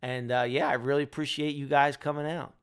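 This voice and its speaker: A man's voice: mid-range voice, flat delivery, fairly quick, clean tone. A tired young man with a Delco accent, chatting casually with viewers as a show host, rambling and joking about himself. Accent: Delco, Delaware County, Pennsylvania. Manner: rambling, self-deprecating, joking. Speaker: rideshare driver and channel host. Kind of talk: casual chat with live viewers.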